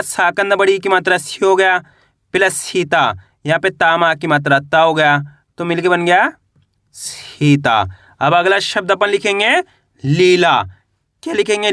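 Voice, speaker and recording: Bright high-voiced Hindi teacher spelling words. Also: male voice, dry recording, clean studio sound. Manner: slow syllable-by-syllable spelling with repeated questions; addresses viewers as friends. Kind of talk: Hindi reading lesson for beginners.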